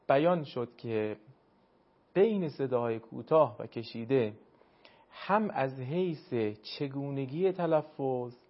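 A man hosting a broadcast Quran lesson, explaining pronunciation politely and formally, sounding out sounds slowly. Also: mid-range voice, lo-fi sound. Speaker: Quran teacher and program host. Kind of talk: televised recitation lesson.

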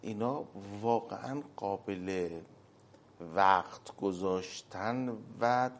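A man giving a religious talk, quoting Arabic phrases slowly with emphasis and acting out short stories. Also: fairly low pitch, a little hiss or hum. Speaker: cleric.

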